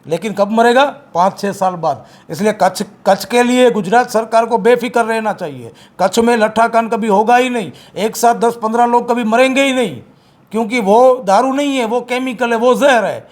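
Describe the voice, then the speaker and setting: A man speaking as an activist in an interview, forceful and repeating his points with emphasis. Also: very high-pitched, normal speed. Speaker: campaign activist. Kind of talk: interview, political criticism.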